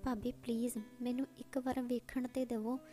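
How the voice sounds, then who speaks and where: An eager young college man in a spoken story, read by a woman narrator in her own voice. He pleads earnestly in a fairly high, mellow tone, with faint music underneath. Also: flat delivery, moderate pace, lightly acted. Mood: pleading.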